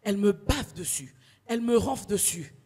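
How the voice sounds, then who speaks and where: A woman voicing a male pillow that whines, tattles and begs, with a husky voice. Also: mid-range voice, expressive, moderate pace, warm tone, long reverb tail. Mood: whining. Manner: complaining, tattling in sobs. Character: whiny, melodramatic talking pillow, male.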